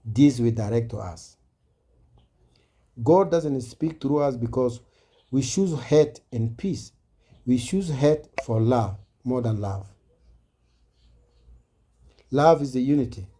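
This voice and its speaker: A man's voice: mid-range voice, animated, slow, long pauses, mellow. A man giving an impassioned personal message in earnest, repetitive phrases and English. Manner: earnest, repetitive, preaching cadence, non-native grammar. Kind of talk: impassioned personal address to camera.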